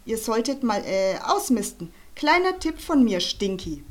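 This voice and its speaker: A woman voicing a cheeky, sharp-tongued little schoolgirl who teases cheerfully and mockingly, in a storybook reading. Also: a little high, very animated, unhurried. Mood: teasing.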